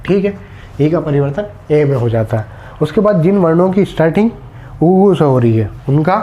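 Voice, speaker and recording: A man's voice: fairly high pitch, darkish tone, muffled recording. A man teaching a Hindi spelling lesson for exam students, explaining step by step and answering his own questions.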